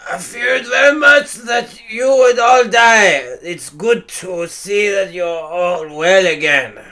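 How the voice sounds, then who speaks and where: A man playing a hugely fat old archmage who booms every word slowly and grandly, as if addressing a hall. the voice sits high and sounds bright and sharp, with the delivery dragged out. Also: animated, exaggerated voice. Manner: booming, drawn-out, formal. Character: enormously fat pompous old male archmage.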